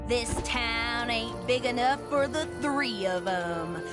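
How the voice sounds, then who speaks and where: A woman voicing an excitable young superheroine game narrator who talks like a cheeky, theatrical cowgirl. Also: a little high, slow, loud music behind the voice. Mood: gleeful, excited. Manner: theatrical, folksy mock-cowboy talk. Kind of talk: animated mission narration in video game.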